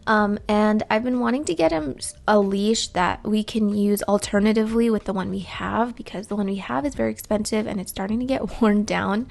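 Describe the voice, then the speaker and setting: A woman vlogger narrating a shopping trip in a casual, rambling way, her voice a bit rough from just waking up. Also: mid-range voice, brisk, few pauses, a little mellow. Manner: chatty and rambling, with frequent ums. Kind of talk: casual vlog voice-over.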